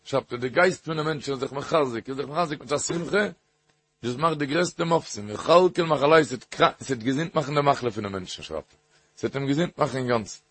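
Husky man giving a halting Torah talk. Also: medium pitch, a bit bright. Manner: halting, repeats phrases, rises into emphatic sing-song. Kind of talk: Yiddish-flavored Torah talk with stories.

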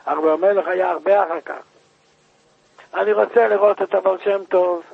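High, husky man telling a sermon story. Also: fairly even intonation, no echo, narrow, tinny audio. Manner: emotional, swings to loud high cries. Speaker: preacher.

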